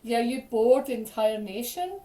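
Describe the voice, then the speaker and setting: A woman's voice: on the high side, expressive, normal speed, recorded from a distance, crowd noise. Teasing tipsy woman. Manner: teasing, wisecracking, playfully self-mocking. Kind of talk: casual chat, joking. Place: home, in front of a ring light. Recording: echoey room.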